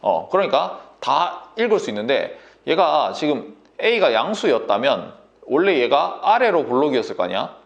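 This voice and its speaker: A man's voice: medium pitch, sing-song, moderate pace, vocal fry, lo-fi sound. A man tutoring math at a whiteboard, talking bossy and casual and checking understanding constantly with a sore throat.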